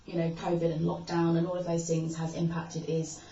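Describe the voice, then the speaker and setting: Quick, bubbly woman, far off in a room. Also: lowish voice, completely flat delivery, mellow. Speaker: co-host. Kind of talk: casual product review chat. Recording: roomy, dull sound from a distant mic.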